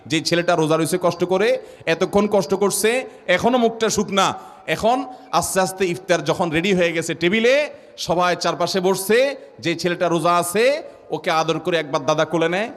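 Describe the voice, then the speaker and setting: Male preacher, high-pitched, vivid storytelling, long hall reverb. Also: a bit bright. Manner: vivid storytelling with repeated rhetorical questions. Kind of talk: Islamic sermon with storytelling.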